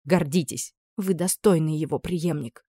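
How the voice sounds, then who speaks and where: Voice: medium pitch, unhurried, warm tone, no echo, close to an everyday voice. A reader voicing a frightened but proud teenage girl who stands up to her tormentors with cold defiance. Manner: trembling yet proud, raised voice.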